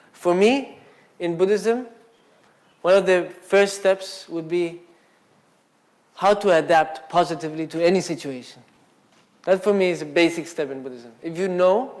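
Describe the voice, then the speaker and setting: A man giving a casual, conversational Buddhist talk at a meditation centre, telling a story and acting out the quotes with lots of "you know" and "like". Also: a little high. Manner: casual and conversational, filler-heavy, acts out quotes.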